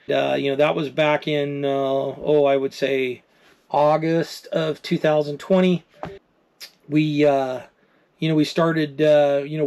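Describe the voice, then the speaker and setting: A man's voice: fairly high pitch, a little mellow. Determined man in his fifties telling his story. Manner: candid, determined storytelling with fillers and asides. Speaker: RV travel vlogger. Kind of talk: personal story told to camera.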